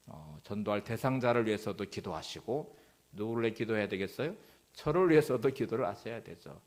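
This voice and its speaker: Man, pastor, middle-aged, preaching, acts out quotes, lively intonation. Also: medium pitch. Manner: storytelling sermon, acting out quotes with rising emphasis. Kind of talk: sermon.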